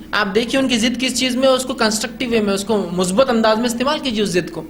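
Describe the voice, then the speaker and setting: High-voiced man giving parenting advice. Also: a bit bright, slight background noise. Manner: conversational, asks "ٹھیک؟" and "ہے نا؟" often; acts out parents' quoted lines. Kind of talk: informal advice talk.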